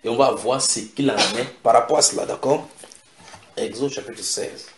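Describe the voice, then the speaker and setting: A man preaching a sermon in an animated way, repeating key phrases for emphasis. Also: medium pitch, normal speed, slight background noise. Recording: echoey room.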